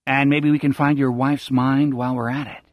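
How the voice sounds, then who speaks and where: A man voicing a calm adult man who speaks quietly and firmly, in measured phrases. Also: mid-range voice, no echo, muffled recording, natural voice. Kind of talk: audiobook character voice.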